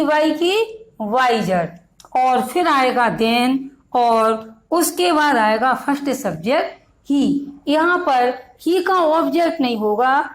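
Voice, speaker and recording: A woman with a Hindi accent leads a grammar lesson at an unhurried pace. Her voice sits fairly high, and she repeats each example word and stretches it out for her students. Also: poor audio. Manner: slow, repetitive, stretches out example words. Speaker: grammar teacher.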